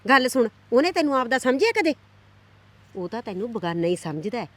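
A woman's voice: on the high side, sing-song, fairly quick. A woman playing a scheming middle-aged village aunt who nags, coaxes and stirs up trouble. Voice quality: loud, nagging, coaxing. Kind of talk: village drama acting.

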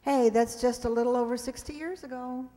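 Speaking briskly in a mellow voice on the high side with fairly even intonation, an older woman opens a community radio-play show from a hall stage. She chats and asks the audience questions. A close stand microphone captures her, and the hall echoes.

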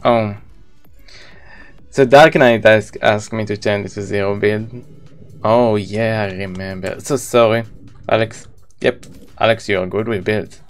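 This man has a lowish, creaky voice. He's in his thirties, speaks Hebrew natively with an Israeli accent, and keeps up easygoing chatter with viewers while streaming a game live.

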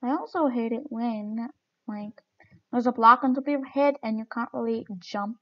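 A woman's voice: fairly high pitch, normal speed, highs cut off. A woman streaming her gameplay, chatting casually and mocking herself with giggles as she plays.

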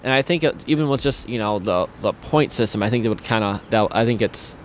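A man's voice: on the low side, brisk, a little hiss or hum. A young man hosting a casual talk stream from a small home studio on a headset and studio mic, rambling with many restarts as he reads viewer comments. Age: young adult. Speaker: host of a streaming talk show. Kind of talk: casual video-call chat. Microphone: studio mic with headphones.

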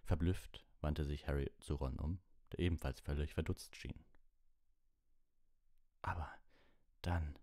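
A man reading an audiobook in a steady, measured narration. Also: extremely low pitch, dry recording, clean studio sound. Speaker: audiobook reader.

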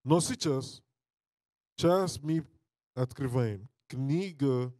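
A man preaching and reading scripture in non-native Russian with a foreign accent, halting and repeating his phrases. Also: medium pitch, warm tone, no echo, clean studio sound. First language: not a native Russian speaker. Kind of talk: Bible teaching with scripture reading. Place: indoor studio with draped backdrop. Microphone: handheld mic held close.

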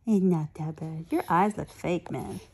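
A young woman, a new mother, talking baby talk to her infant in a soft cooing voice that often drops to a whisper. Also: fairly low pitch, a little slow, a little hiss or hum.

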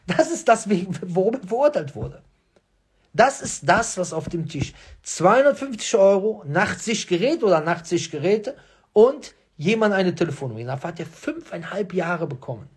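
A man's voice: high-pitched, very animated, moderate pace, slightly rough. A man hosting his own channel, addressing viewers in an emphatic monologue, repeating key phrases and firing off rhetorical questions. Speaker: host.

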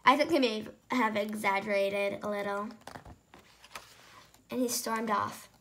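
Bright, animated storytime woman. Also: mid-range voice, measured pace, slight background noise. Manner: animated, adds her own asides. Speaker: storytime host. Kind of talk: reading a picture book aloud to children.

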